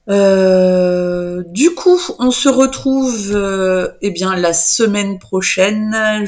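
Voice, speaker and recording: A woman's voice: fairly low pitch, vocal fry, a little mellow. A young woman chatting casually to her viewers about her knitting and crochet projects, rambling with frequent hesitations and self-corrections. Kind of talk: casual chat to camera.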